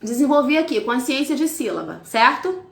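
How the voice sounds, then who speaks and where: A middle-aged woman with a Brazilian accent, a literacy teacher who patiently explains an activity step by step, sounding syllables out slowly. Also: sits high, sing-song, gravelly, a bit bright, roomy sound. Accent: Brazilian Portuguese. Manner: patient, explains step by step, frequent tag questions. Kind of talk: instructional demonstration.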